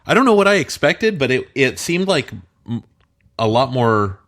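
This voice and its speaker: Animated man co-hosting a sports chat. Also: medium pitch, normal speed. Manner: animated, jokey, with exaggerated reactions. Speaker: podcast co-host.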